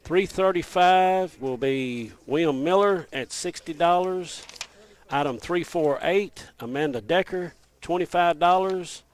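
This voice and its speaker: A man hosting a local radio auction, reading out winners' names and bid amounts in a steady rapid list. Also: a little high. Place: radio studio.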